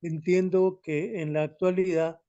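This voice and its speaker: Male student, slow and hesitant, a little high-pitched, mellow tone, lo-fi call. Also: flat delivery. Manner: slow, hesitant, searching for words. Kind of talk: explaining his essay topic in class.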